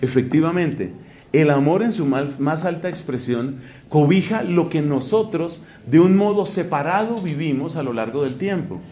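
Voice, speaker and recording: A Colombian man in his fifties whose voice sits notably high for a man. He gives a priestly lecture in a Colombian Spanish accent and talks with his audience like a conversation, often putting questions straight to them. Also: lively intonation, normal speed, warm tone, a little hiss or hum. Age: 50s. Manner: conversational, questioning the listener directly. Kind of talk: theological lecture.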